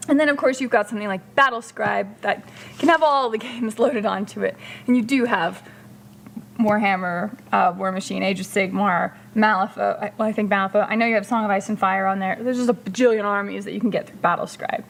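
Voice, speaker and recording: A woman's voice: medium pitch, steady tone, brisk, creaky. A woman hosting a casual livestream chat, reading out and answering viewer comments. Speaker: streamer hosting a hobby chat.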